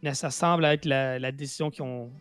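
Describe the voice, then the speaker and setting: A man's voice: mid-range voice, steady tone, normal speed, fairly bright tone, clear, resonant tone, soft background music. A man with a Québécois accent hosting a casual chat, rambling and repeating his words as he reviews a series. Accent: Quebec French. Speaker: podcast host.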